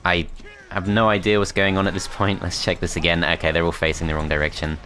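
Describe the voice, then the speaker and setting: Low-voiced man thinking aloud over a strategy game. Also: little pitch movement, quick pace, sharp tone. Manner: thinking aloud, tentative and self-critical. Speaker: gameplay commentator.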